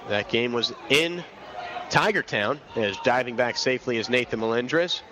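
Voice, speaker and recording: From an outdoor stadium broadcast booth, a young man with a mid-range voice calls live baseball play-by-play for radio at a moderate pace. He alternates clipped count recaps with flowing stretches of detail. Loud ballpark noise and crowd ambience fill the live broadcast.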